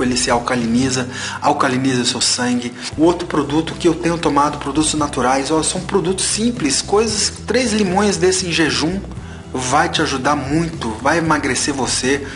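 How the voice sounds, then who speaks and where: A man's voice: medium pitch, a little fast, fairly bright tone. A man in his forties vlogging about health products in an emphatic, preachy way, repeating his points, with faint music behind. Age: 40s. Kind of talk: casual vlog, unboxing and health advice.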